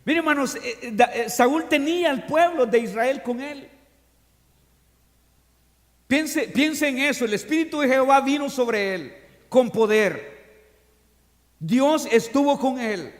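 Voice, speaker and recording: A man with a high, ringing voice leads a church sermon, reading scripture aloud and turning to his congregation. He swings from loud, rousing proclamations to hushed, confiding asides. His words carry a long, lingering reverb through a large church hall. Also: measured pace, long pauses. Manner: reads scripture aloud and addresses the congregation directly. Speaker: pastor. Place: church during an evening service.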